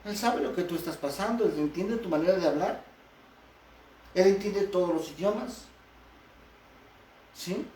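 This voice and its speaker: A man preaches a sermon and keeps turning to the congregation with questions. His voice is high for a man. He sounds distant from the mic, with room echo and a faint hiss behind him. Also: animated, normal speed, pauses often, dark tone. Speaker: pastor. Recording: echoey hall from far off.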